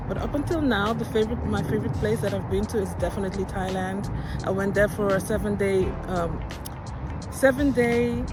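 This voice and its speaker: A woman from Suriname, Dutch being her first language, chats casually and expressively in her personal vlog as a life coach, standing outdoors by a field. Her voice sits in the mid-range, and the recording quality is low.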